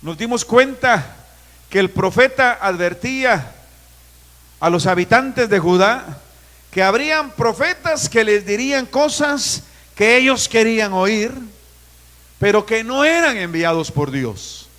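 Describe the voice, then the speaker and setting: A man in his fifties from Guatemala, a pastor preaching a sermon with emphatic, drawn-out phrases in a church. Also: sits high, animated, fairly bright tone. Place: church sanctuary. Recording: long reverb of a church hall.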